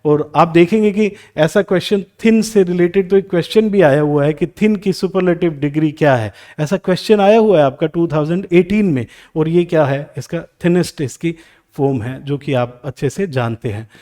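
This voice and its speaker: A man's voice: a little high, moderate pace, mellow. A man teaching an exam-prep English grammar lesson, explaining step by step and asking rhetorical questions.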